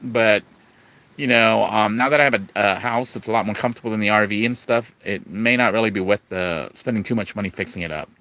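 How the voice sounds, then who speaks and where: Talking fairly quickly in a lowish, sharp voice, a man rambles informally through a video walkthrough for his vlog. He hesitates and pads with repeated "you know", and faint background noise can be heard.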